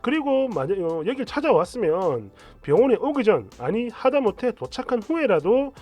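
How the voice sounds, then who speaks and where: Lively high-voiced male storyteller. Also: moderate pace. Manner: chatty retelling, first person. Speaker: story narrator. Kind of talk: storytelling narration. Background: soft background music.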